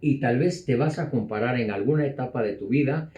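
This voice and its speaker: A man speaking as an interview guest in a dark, mellow voice. He explains at a measured pace and repeats words as he goes. He slows down to stress his points. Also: medium pitch. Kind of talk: conversational explaining.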